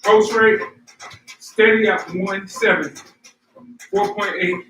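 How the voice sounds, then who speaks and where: A man with a high-pitched, slightly bright voice speaks slowly and with fairly even intonation. As host of a running workout vlog, he keeps up casual, encouraging talk with viewers between running and power walking, picked up by a distant mic in a roomy setting with faint noise.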